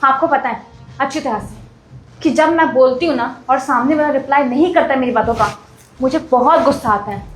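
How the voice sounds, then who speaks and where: A woman's voice: sits high, normal speed, roomy sound, soft background music, rough recording. A young woman acting a wife in a scripted sketch, defensive and scolding, pleading for forgiveness between reproaches. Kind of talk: scripted comedic monologue.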